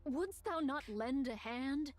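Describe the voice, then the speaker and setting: High, unhurried, old-fashioned formal speech; lofty game character. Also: female voice, lively intonation, faint music behind. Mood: musing. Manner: archaic formal phrasing, theatrical. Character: archaic-speaking woman, formal, lofty and curious. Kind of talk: video game voice acting.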